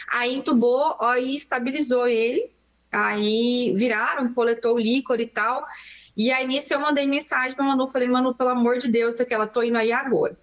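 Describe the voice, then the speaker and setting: A young adult Brazilian woman, a pediatrician, recounting a frightening story in an interview with fast, emotional narration. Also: a little high. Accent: Brazilian Portuguese. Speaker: pediatrician guest.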